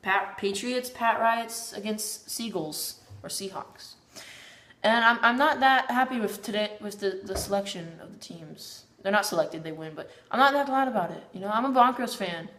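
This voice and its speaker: A woman talks straight to camera in a loose, rambling vlog, tripping over her words and circling back on them. Her pitch sits in an ordinary middle range. The room around her is bare and echoey. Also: expressive, moderate pace, bright, forceful tone. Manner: rambling, stumbles and repeats words. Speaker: vlogger. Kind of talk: casual rambling monologue.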